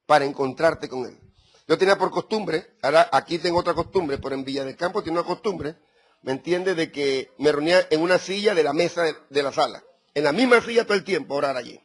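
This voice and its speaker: Man, middle-aged, pastor, sermon, high voice, husky. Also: fast. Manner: preaching with rising emphasis and direct address to the congregation.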